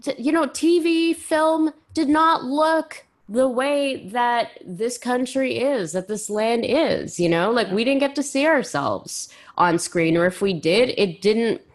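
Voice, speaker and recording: A woman's voice: fairly high pitch, takes it slowly, few pauses. A woman hosting a podcast, chatting casually and informally with frequent asides. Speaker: podcast host. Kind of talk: casual chat.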